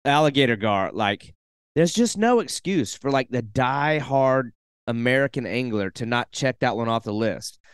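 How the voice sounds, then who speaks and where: Smooth-voiced male podcast host. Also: medium pitch, lively intonation, moderate pace, no echo. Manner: enthusiastic, earnest, with filler "like". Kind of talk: casual chat.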